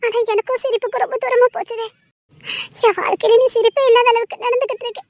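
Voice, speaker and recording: A woman's voice: very high-pitched, level tone, fast talker, darkish tone. A woman with a Tirunelveli accent playing a devoted young heroine in a dramatic serial, speaking with heartfelt, defiant conviction. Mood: sorrowful. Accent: Tirunelveli Tamil. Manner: defiant, then sorrowful and pleading.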